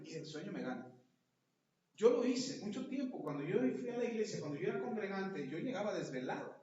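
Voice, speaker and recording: A middle-aged pastor preaches a sermon in a church hall, telling stories by acting out little scenes. His voice is high-pitched and a little mellow, recorded far from the mic in an echoey hall that makes it sound dull.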